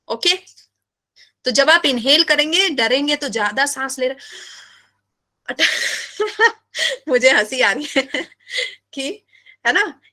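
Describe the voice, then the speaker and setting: A woman teaching biology in a live class, animated and playful, often asking her students questions. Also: sits high.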